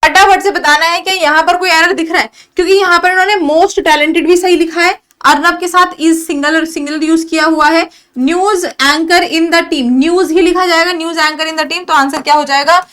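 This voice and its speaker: A woman teaching English grammar for exam prep. She explains in Hindi mixed with English terms, reads sample sentences slowly word by word, and asks quick questions that she answers herself. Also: extremely high pitch, steady tone, fairly bright tone.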